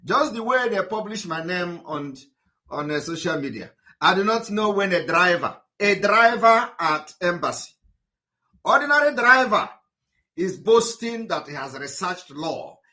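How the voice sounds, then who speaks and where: Speaking at a measured pace, this man has a high, animated voice that sounds pushed and bright. He mixes English and Igbo while talking to his followers on a livestream. His tone is combative, with frequent stumbles over repeated words and fillers.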